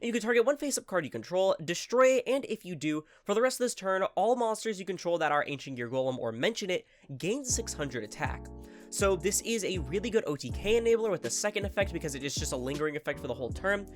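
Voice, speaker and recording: Over faint music, a card game YouTuber talks at a quick pace in a high, very animated voice that's nasal and congested from a head cold. His casual commentary rambles, with frequent self-corrections and the odd swear word.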